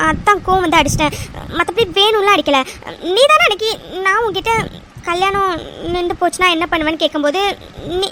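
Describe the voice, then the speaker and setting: A woman's voice: very high-pitched, noisy background. A woman voicing a playful young woman engaged to be married, teasing and affectionate in a cartoon dub. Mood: soothing. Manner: teasing and affectionate, fond of exclamations.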